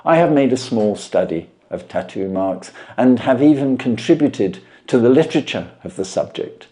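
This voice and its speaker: Man voicing a brisk, self-assured gentleman detective, animated pitch. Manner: precise, articulate, dryly amused. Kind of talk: storybook character voice.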